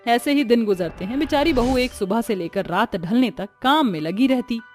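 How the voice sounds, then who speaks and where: A woman narrating a scripted cartoon story in an even storytelling tone. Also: on the high side, moderate pace, soft background music.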